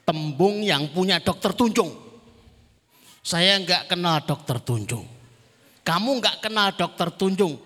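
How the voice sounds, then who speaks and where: A man with a Javanese accent giving a humorous sermon, telling stories and acting out quotes. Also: a little high. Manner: lively storytelling with acted quotes, mixing in Javanese. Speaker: preacher. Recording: long hall reverb.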